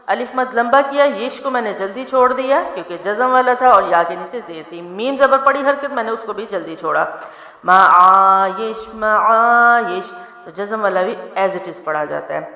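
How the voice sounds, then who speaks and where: A woman teaching tajweed rules, spelling out letters and vowel marks and drawing out the recited words slowly, often asking if her listeners follow. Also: mid-range voice, fairly bright tone, muffled recording. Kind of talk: tajweed lesson. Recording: echoey room with long reverb.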